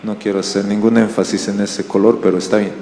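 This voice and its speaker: A man's voice: lowish voice, fast talker, slight background noise. A man from Bolivia preaching a sermon as pastor, telling stories and asking the congregation questions. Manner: animated storytelling with questions to the congregation. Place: church hall. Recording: roomy church hall reverb.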